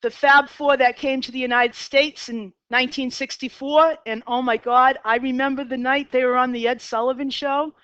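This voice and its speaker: A woman's voice: high voice, fairly even intonation, normal speed, few pauses, fairly bright tone, clean tone, dry recording, highs cut off. A woman in her fifties with a Boston accent, teaching a college math class in a chatty style, asking students questions and going off on tangents. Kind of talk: classroom lecture.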